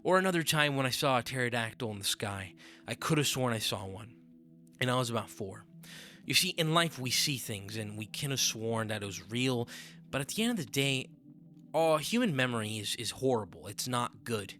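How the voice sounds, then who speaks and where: A man's voice: mid-range voice, animated, normal speed, pushed and bright. A man narrating a story in a conversational, offhand manner with sudden upward swoops. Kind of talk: reading a story aloud.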